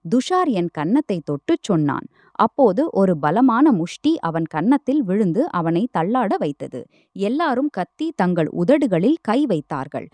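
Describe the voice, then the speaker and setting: A woman's voice: medium pitch, very animated, unhurried, a little mellow, dry recording. A woman narrating a first-person romance story, reading every character's lines in her own voice.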